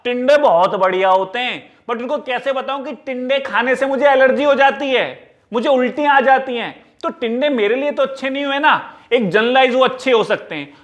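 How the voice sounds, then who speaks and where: A man's voice: extremely high pitch, a bit bright. A man talking casually to camera as a YouTuber, giving advice and slipping English words into his Hindi. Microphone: small clip-on mic.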